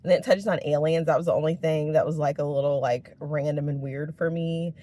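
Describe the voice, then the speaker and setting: A young woman talks in a relaxed, gushing vlog style, pausing often on "um." Her voice sits unusually low for a woman, with a faint background hiss. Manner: enthusiastic, chatty, with frequent "um" pauses. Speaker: vlogger reviewing a TV series. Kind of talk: casual chat.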